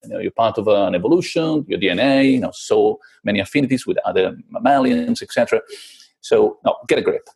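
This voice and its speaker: Low-voiced, gravelly man; guest explaining ideas, halting and filler-heavy. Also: animated, darkish tone. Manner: hesitant, many fillers and restarts. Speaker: guest author. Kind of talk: conversational explanation.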